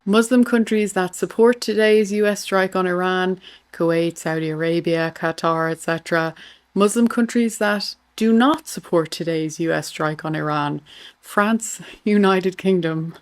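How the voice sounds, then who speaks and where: A woman's voice: fairly low pitch, unhurried. A woman hosting a show, reading out captions and commenting on political memes. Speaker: host.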